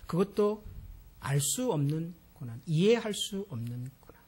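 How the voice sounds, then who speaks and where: A man preaching a sermon in a high, very lively voice that climbs and swoops. He talks straight to his listeners and builds to impassioned appeals. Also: unhurried, breathy edge. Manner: addresses the congregation directly, rising to impassioned appeals. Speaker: pastor.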